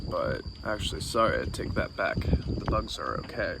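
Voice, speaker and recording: A tired young man vlogging from his small sailboat by an island at night, talking slowly and rambling, with fillers and the odd swear. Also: low voice, big pitch swings, creaky. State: sleep-deprived. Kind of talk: casual vlog narration. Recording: noisy outdoor phone recording. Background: water, boat sounds and crickets.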